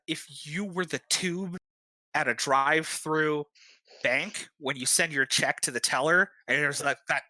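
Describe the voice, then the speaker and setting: Relaxed, bright-toned game master narrating a tabletop session; dry, close sound. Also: mid-range voice, dry recording. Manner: relaxed, many "uh" fillers.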